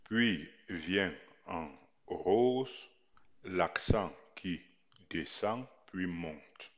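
A man teaching a writing lesson in a slow voice-over, repeating each point deliberately. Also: deep voice, lively intonation, highs cut off. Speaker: language teacher.

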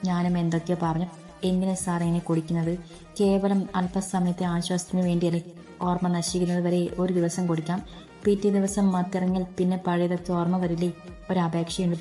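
A kind, shy young woman caring for a child, speaking softly and politely in a storybook, as a woman reader voices her. The voice is low-set, level and mellow. Faint music sits underneath. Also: little pitch movement, a little fast, close to an everyday voice. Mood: soft, pleading. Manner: soft-spoken and polite.

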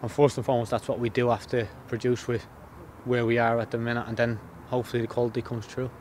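A man in his thirties, a footballer, gives a plain-spoken post-match interview by the pitch outdoors, repeating words as he works through his thoughts. He talks fast with little pitch movement and a slightly mellow voice, and a faint hiss or hum sits under the audio.

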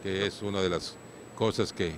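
A man's voice: deep voice, fairly even intonation, moderate pace. An older Mexican man in his seventies answering interview questions as a cattle breeder, often checking in with short tag questions, on a handheld microphone. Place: large indoor livestock exhibition hall. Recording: noisy livestock show hall.

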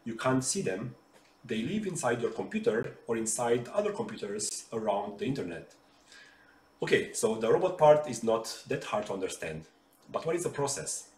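With hand gestures and patient, simple explanations, a man who works as an RPA developer teaches kids in a bright living room with a sofa. His voice sits in the mid range. He's recorded from off-mic at a distance, and the room adds a roomy echo to this friendly children's explainer.

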